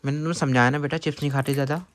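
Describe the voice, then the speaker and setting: Talking very fast in a fairly high, steady voice, a dad vlogger narrates to his phone camera in a chatty way, always drawing viewers' attention to things. The setting is a rooftop and street market, and the audio carries street noise and passing traffic.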